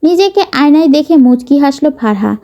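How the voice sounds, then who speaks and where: A woman narrating a romance novel in a steady, expressive reading. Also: high-pitched, moderate pace, dull audio. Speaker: storyteller.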